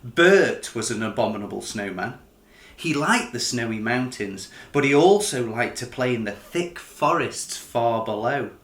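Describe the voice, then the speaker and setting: An author reads his own children's book aloud, taking his time at a measured pace. His voice is animated and a bit bright, swinging widely in pitch for expression, and the roomy recording has noticeable echo.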